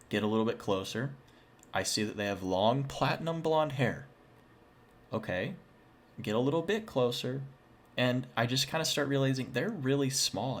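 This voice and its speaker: A young adult man casually telling a personal paranormal story, chatty and full of self-deprecating asides. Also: medium pitch.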